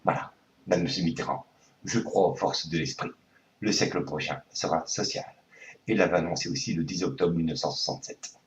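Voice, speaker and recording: A man making a prank phone call, hesitant and full of pauses, earnestly conspiratorial. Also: extremely low pitch, a little hiss or hum. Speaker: prank caller.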